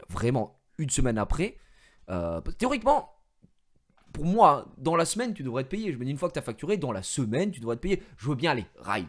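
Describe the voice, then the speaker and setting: Speaking at a medium pitch into a gaming headset mic, a male streamer tells his viewers a story. He's expressive, swinging from mumbling to shouting and swearing.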